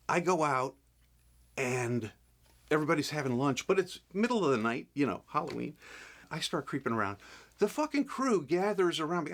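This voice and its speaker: A man's voice: high voice, a bit bright. A man being interviewed as an actor, telling a profane anecdote animatedly and acting out the other people's voices.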